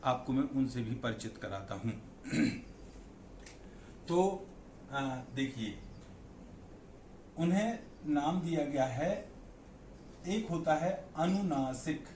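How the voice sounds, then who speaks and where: Slow, deliberate male Hindi teacher. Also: fairly high pitch, lively intonation, a little mellow. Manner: slow, repeats key terms, asks and answers own questions. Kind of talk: classroom lesson on Hindi vowels and signs. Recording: echoey room with faint background noise.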